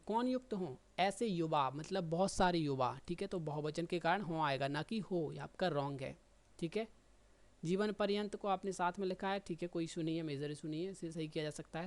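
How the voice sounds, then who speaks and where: A man, going through students' stenography test results and correcting their mistakes one by one. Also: sits high. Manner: explanatory, corrective, addresses students by name. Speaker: stenography teacher. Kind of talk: result analysis lesson.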